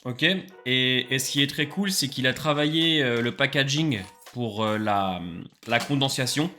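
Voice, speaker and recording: A man's voice: medium pitch, measured pace, sharp tone, faint music behind. A young man hosting a casual food review vlog, enthusiastic and full of hesitant fillers. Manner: enthusiastic, many filler "euh"s. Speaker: food vlogger.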